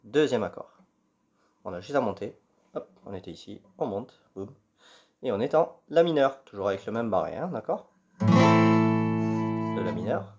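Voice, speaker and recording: A man's voice: lowish voice, lively intonation, normal speed. A man teaching guitar chords and strumming in a patient, step-by-step way, singing the strum patterns with syllables. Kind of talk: casual guitar tutorial. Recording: guitar playing loud behind speech. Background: acoustic guitar.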